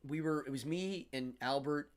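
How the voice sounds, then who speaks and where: In New York City, a man hosts an easygoing live-stream interview, his nasal voice fairly high in pitch and his pace moderate. He tells stories with animation and laughs often.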